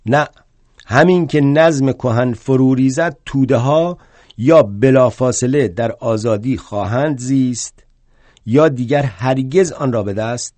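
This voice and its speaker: A man voicing a huge, drunken, fiery male anarchist in a one-man stage play, shouting scornful outbursts. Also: mid-range voice, no echo, natural voice.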